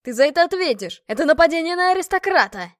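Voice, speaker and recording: A woman voicing an indignant young blond aristocrat who shouts back in an audiobook. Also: medium pitch, lively intonation, unhurried, no room sound, studio quality, natural voice.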